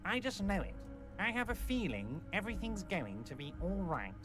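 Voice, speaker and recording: A man's voice: high voice, wildly swooping pitch, normal speed. An actor playing a huge, jovial and manipulative male union boss who talks in smarmy, falsely reassuring tones in a video game. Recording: game music behind.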